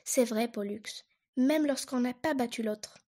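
A woman reading a children's picture book aloud in an expressive, lively way. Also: a little high, unhurried. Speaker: reader.

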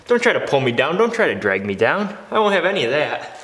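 Filming an energetic workshop vlog in his garage, this man in his twenties speaks fast in a slightly high, sing-song voice, joking around and offering some motivation. He holds the camera close as it moves, and the rough recording has music underneath.

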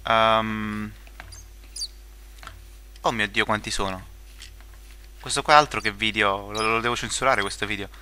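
Bright-voiced young Italian-speaking gamer. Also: male voice, lowish voice, steady tone, measured pace, pauses often, slight background noise. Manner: rambling, many fillers and restarts, joking asides. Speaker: gaming video creator. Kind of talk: casual gameplay commentary.

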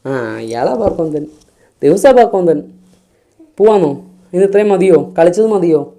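A man's voice: sits high, lively intonation, normal speed, warm tone. A man filming himself playing with a toddler, using coaxing, repetitive baby talk full of sing-song questions.

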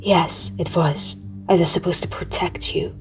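A woman voicing a young male satyr who is anxious and guilty, speaking softly and sniffling apologetically. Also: on the low side, fairly even intonation, a little slow, soft background music, close to an everyday voice. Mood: hushed.

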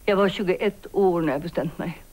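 An actress in her sixties playing a guilt-ridden older woman writer who makes a hushed, halting, often whispered confession in a TV drama. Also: fairly low pitch, lightly acted. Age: 60s. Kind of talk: 1990s Swedish TV drama acting.

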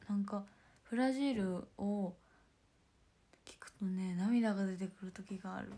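A young woman with a hoarse, worn-out voice, chatting casually on a livestream and thanking fans by name. She slips back and forth between bright greetings and breathy half-whispers. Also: mid-range voice, unhurried. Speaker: idol livestream host. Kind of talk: casual livestream chat reading fan comments.

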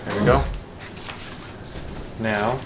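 A woman's voice: very deep voice, fairly even intonation, extremely slow, background noise. A woman vlogging about her pet, chatting in a playful, teasing way. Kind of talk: casual chat to camera. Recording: echoey room, faint music.

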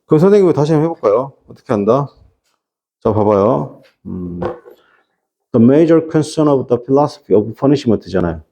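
A middle-aged man teaching an English reading class to high school students, often asking rhetorical questions. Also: animated, unhurried, mellow. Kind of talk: classroom lecture.

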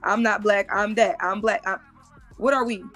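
A guest on a live stream via video call, this woman in her thirties has a mid-range, fairly bright voice with a steady tone and moderate pace. She stresses her points and often repeats them, and soft music plays behind her.

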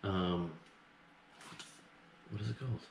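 A man with a fairly low voice chats casually about films as a co-host. He is recorded in a very roomy home space, with faint noise behind him. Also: slow pace, dull audio. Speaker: co-host of a casual film review. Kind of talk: casual chat. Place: open living and dining room at home. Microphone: camera mic a little way off on the table. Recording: echoey room, faint background noise.

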